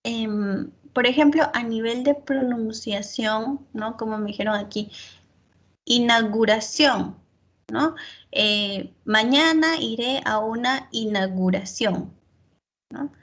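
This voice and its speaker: Slow-talking female teacher, tag questions. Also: a little high, fairly bright tone. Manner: checks in with frequent tag questions; explains patiently with spoken examples. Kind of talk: online class lecture.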